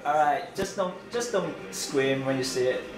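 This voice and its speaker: A man's voice: fairly high pitch, moderate pace. Teasing man off mic, roomy. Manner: teasing, laughing. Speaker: friend off camera. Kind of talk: casual chat. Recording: roomy, far from mic, music behind.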